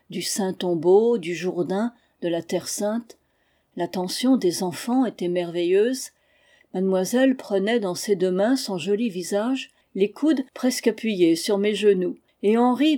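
Mellow-voiced woman reading a memoir. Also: medium pitch. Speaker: audiobook reader. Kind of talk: literary audiobook narration.

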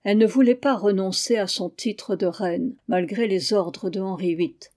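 A woman narrating a history audiobook with a steady, clear storytelling delivery. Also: medium pitch, normal speed. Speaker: audiobook reader.

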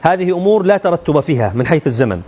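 A man with a somewhat high, slightly rough voice races through his explanation of a creed for students, his pitch swinging widely. He teaches colloquially, often firing rhetorical questions at them. The recording has its highs cut off.

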